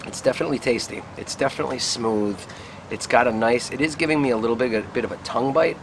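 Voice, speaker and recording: A man giving a casual, unhurried review to camera outdoors, musing and trailing off as he puffs on a pipe. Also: medium pitch. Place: outdoors in the wind. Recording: noisy outdoor recording with wind and traffic.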